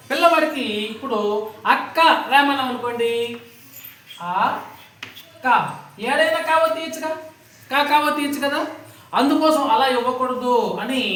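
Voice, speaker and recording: A woman's voice: sits high, a bit bright. A woman teaching a class of young children, asking them questions and coaxing answers out of them. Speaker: primary school teacher. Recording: echoey classroom from far off.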